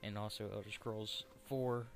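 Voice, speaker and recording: Low-voiced man rambling over a game. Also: flat delivery, faint music behind. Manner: halting, searching for words. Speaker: let's play commentator. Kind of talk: casual rambling game commentary.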